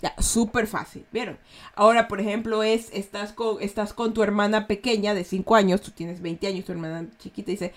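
A woman's voice: mid-range voice, flat delivery, brisk. A woman with an Ecuadorian accent hosting a casual slang lesson, chatty and checking in with her listeners often. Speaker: host teaching slang.

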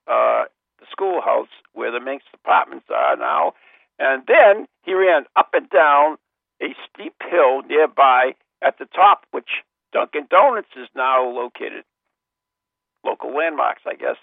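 A man's voice: a little high, big pitch swings, slow, gravelly, no room sound. Man on a tinny phone headset mic. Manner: rambling, joking, trails off mid-sentence. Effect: tinny sound through a phone-line headset mic. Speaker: co-host of a paranormal talk show. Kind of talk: casual radio chat and storytelling. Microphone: headset on a phone line. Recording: dull, tinny phone-line sound.

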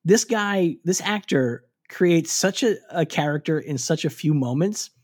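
A man's voice: fairly high pitch, animated, unhurried, darkish tone. A man co-hosting a casual podcast, recapping a TV episode in a chatty way with frequent fillers and restarts. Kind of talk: casual chat.

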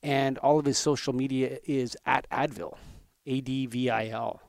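A male podcast host who talks in a loose, rambling way and often trips over his words mid-sentence. His medium-pitched voice sounds dry and close. He keeps the chat casual. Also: steady tone, moderate pace, creaky, dry recording. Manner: loose and rambling, with frequent restarts and stumbles.

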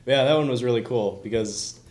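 A man in a casual podcast chat as a real estate agent, talking in quick bursts full of fillers. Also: mid-range voice, darkish tone.

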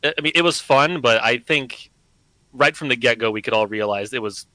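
A man's voice: medium pitch, a little fast, bright, forceful tone, dry recording, poor audio. A man on a gaming podcast, emphatic, building his points and checking in with listeners. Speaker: podcast guest. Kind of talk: casual gaming discussion.

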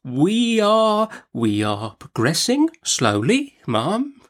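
A man voicing a mild, timid, easily flustered doctor in a storybook, with a soft, hesitant and deferential delivery. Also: high voice, huge pitch swings, takes it slowly, voice pushed up, full character voice.

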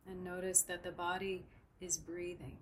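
A woman guiding a breathing meditation in a soft, soothing, unhurried way. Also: on the low side, little pitch movement, slight background noise. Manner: slow, soft, soothing instruction. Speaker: meditation guide. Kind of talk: guided meditation.

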